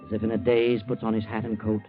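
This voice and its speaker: A man narrating a 1940s radio drama in a measured, ominous storytelling way, heard through an old AM radio broadcast. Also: fairly low pitch, completely flat delivery, phone-quality sound, music in the background. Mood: grave. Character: grave male radio narrator. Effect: old AM radio broadcast sound.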